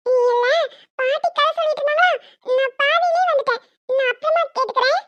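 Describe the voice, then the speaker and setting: A woman's voice: extremely high pitch, fairly quick, fairly bright tone, no echo. A woman voicing a small school-age daughter who answers evasively in a piping voice in a cartoon. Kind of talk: cartoon voice acting. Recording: dull lo-fi dry recording.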